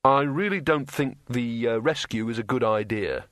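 A man's voice: mid-range voice, normal speed, a bit bright, no room sound, studio quality, close to an everyday voice. A man voicing a nervous, cowardly wizard who talks in flustered, hesitant bursts.

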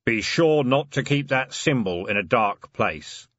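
A deep, measured voice for a mysterious hooded man who talks slowly and gravely, as a narrator puts him on. The tone is husky, and the recording sounds dull and dry. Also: animated, fairly bright tone, dry recording. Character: hooded broad male stranger, grave and mysterious.

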